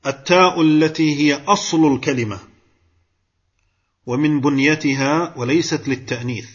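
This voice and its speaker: A man's voice: fairly high pitch, normal speed, slightly rough, muffled recording. A man teaching Arabic grammar in a class, explaining step by step, asking questions and praising students' answers.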